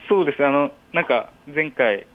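A man's voice: on the high side, expressive, moderate pace, a little hiss or hum. A man calling in to a radio show as a racing cyclist guest, heard over a phone line, answering in a laid-back, matter-of-fact way with many hedging fillers. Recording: dull, muffled phone line.

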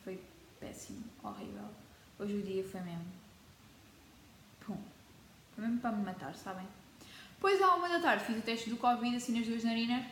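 A woman's voice: a little high, very animated, moderate pace, long pauses, a bit bright, slight background noise. A teenage girl from Portugal with a European Portuguese accent, vlogging in a chatty, dramatic way and dropping English words into her talk. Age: teens. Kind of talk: casual chat to camera. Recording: echoey room with faint ambience.

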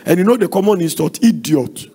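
A man's voice: a little high, animated, normal speed, vocal fry, a little hiss or hum. A man preaching an earnest sermon, exhorting and telling family stories. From Nigeria.

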